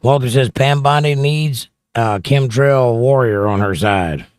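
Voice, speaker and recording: Speaking at a measured pace, this man has a smooth, mid-range voice with no room sound. He's a livestream host reading live chat comments aloud and riffing on them casually, his studio mic held close to his mouth.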